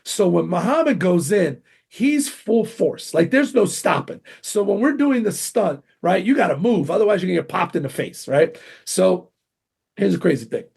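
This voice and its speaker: A middle-aged man, a martial arts grandmaster, telling animated stories in an interview, acting out quotes with sudden jumps in pitch. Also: moderate pace, vocal fry, husky. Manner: excitable, acts out quotes with big pitch jumps.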